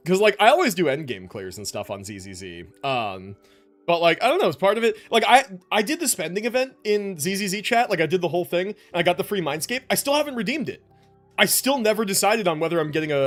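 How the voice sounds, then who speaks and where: Hosting a livestream, this man talks casually with viewers in a slightly high, fairly bright voice. He tends to repeat phrases to drive his points home.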